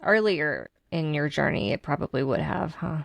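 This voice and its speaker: A woman's voice: deep voice, animated, normal speed, vocal fry, no room sound. A woman hosting a podcast, asking questions and backing the guest with frequent agreement. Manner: supportive, many mm-hmms. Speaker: podcast host. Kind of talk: casual podcast interview.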